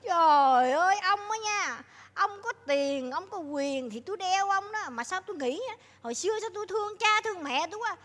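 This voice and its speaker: Woman doing a squeaky fussy scheming wife, fast and sharp, comedy skit. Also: expressive. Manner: shrill and fussy, exclaims often. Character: fussy scheming middle-aged wife and mother. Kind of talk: comedy sketch acting.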